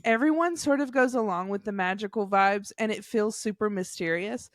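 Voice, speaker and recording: A woman's voice: medium pitch, moderate pace, no echo, clean studio sound. A woman, co-hosting a casual podcast and reading stories aloud with small laughs. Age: 30s. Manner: amused, laughs between lines. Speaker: podcast co-host.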